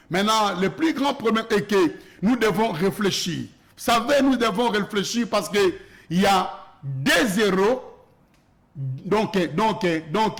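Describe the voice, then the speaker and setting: A man's voice: high-pitched, fairly bright tone. A man with a Congolese French accent preaching an earnest sermon as a prophet, slipping Lingala phrases into his French and growing more emphatic as he goes. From Congo (DRC).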